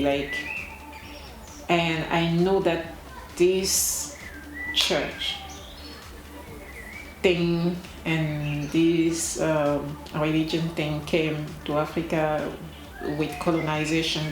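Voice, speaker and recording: A young woman from Cameroon, talking casually to camera as a vlogger, slow and deliberate with pauses and emphatic repetitions. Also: deep voice. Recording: echoey room with clear background noise.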